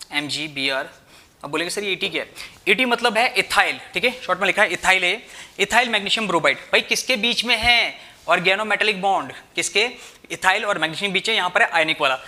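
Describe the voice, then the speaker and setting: Bright and forceful, this young man's voice sits high as he explains chemistry at a whiteboard at a moderate pace. Switching between Hindi and English, he calls the students "bhai," asks rhetorical questions, and repeatedly checks "theek hai."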